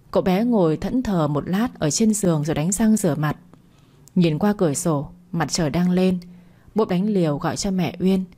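Woman reading a story aloud, low mellow voice, even and steady. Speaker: narrator. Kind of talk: storytelling narration.

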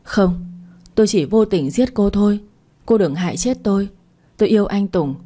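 A woman's voice: medium pitch, animated, normal speed, mellow, close to an everyday voice. A woman voicing a cruel young female model who pleads in panic. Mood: terrified, pleading.

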